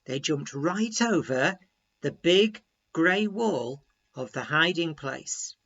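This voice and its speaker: A man reads a children's story aloud in a deliberate, expressive storytelling style. His pitch is fairly high, and the sound is lo-fi.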